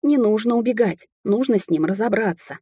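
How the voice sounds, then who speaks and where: A woman's voice: mid-range voice, a little fast, warm tone, breathy edge, no room sound, studio quality, pitched above the performer's own voice, natural voice. A woman voicing a stubborn young son who insists on fighting, in an impatient tone.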